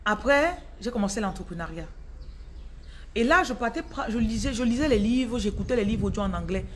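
A woman from Cameroon with a Cameroonian French accent, a business and spiritual coach talking casually to followers on a phone live stream. She speaks in a lively, direct way and repeats words for emphasis. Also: on the high side, fairly quick, a little hiss or hum.

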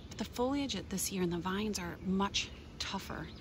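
A gardening vlogger from Minnesota walks through her container garden outside, chatting excitedly and pointing things out as she films with a handheld phone. She speaks at a moderate pace in a mid-range voice, with noise in the background.

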